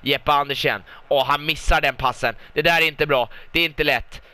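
A young Swedish man doing lively mock football commentary over a video game, often breaking into excited shouts and repeated goal calls. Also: on the high side, clear, resonant tone, dry recording. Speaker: gaming YouTuber commentating his own match.

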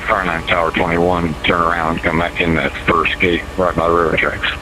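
A man on a fire crew, exchanging brisk emergency radio messages. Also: low-pitched, flat delivery. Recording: noisy fire radio with engine sounds.

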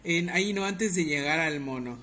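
A young livestreamer with a Mexican Spanish accent riffs crudely and jokingly on the game he's playing while bantering with his chat. His fairly high voice moves at a moderate pace and sounds pushed and bright.

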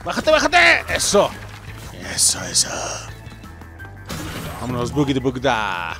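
A young gameplay streamer with a Mexican Spanish accent gives casual let's-play commentary in a mid-range, unhurried voice over background music. He's excitable, swearing and yelping when he messes up and talking straight to his viewers.

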